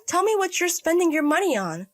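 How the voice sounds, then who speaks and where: Pitched far above her natural voice, a woman plays a stern older mother and grandmother in a narrated drama story, scolding firmly. She sounds extremely high, very animated and brisk, with a concerned, questioning mood in this acted dialogue.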